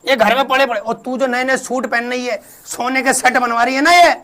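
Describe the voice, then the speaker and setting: A man's voice: extremely high pitch, steady tone, fairly quick, pushed and bright. A man playing a wealthy, fierce old mother-in-law in a comedy sketch, scolding and pleading melodramatically. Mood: furious.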